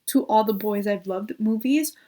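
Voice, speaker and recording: A young woman talks to her viewers in a loose, casual chat. She gushes over her favourites, and nearly every phrase is padded with "like". Her voice sits at an ordinary middle pitch for a woman. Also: normal speed, mellow. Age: young adult. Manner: gushing, says "like" constantly. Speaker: YouTuber reviewing shows.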